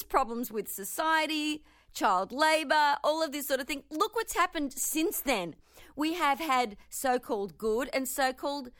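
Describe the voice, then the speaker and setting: A woman's voice: sits high, fairly bright tone, no room sound, studio quality. A woman spiritual teacher reading a spiritual text aloud and commenting on it in an earnest, emphatic way.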